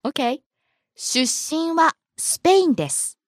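A Japanese teacher from Japan leads a podcast language lesson, offering example phrases in a somewhat high voice that leaps lively in pitch. She speaks at normal speed, and the recording is close and dry with no room sound around it.

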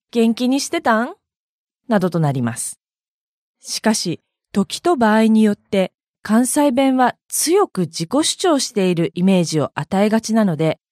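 A woman from Hyogo hosting her own audio blog, giving a scripted explanatory talk in a clear, careful way. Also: medium pitch, a little mellow, no room sound, clean studio sound. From Hyogo, Japan.

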